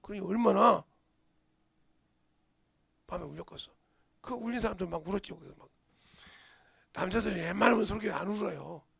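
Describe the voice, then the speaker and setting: A middle-aged male pastor preaching a sermon in a church, dropping to whispers and bursting into shouts. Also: high-pitched, a little fast, vocal fry, long pauses. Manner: swings from hushed whispers to sudden shouts. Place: church sanctuary.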